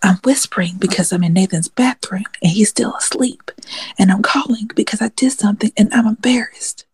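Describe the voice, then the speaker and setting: A woman's voice: on the low side, fairly quick, breathy edge, dry recording. An actress playing a frank, nervous young woman who talks herself through things in an audio drama, sometimes whispering. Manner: blunt, self-talking, whispers on the phone. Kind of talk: audio drama inner monologue.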